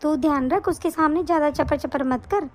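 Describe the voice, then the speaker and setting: A woman voicing an older mother-in-law in an animated story, who takes her son's side and scolds her daughter-in-law dismissively. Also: high voice, brisk, voice pushed down, natural voice. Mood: scolding.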